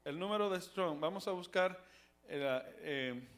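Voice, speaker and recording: Slow, halting Bible study teacher, a man. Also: on the high side, a bit bright. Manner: halting, many fillers and restarts, asks the class questions.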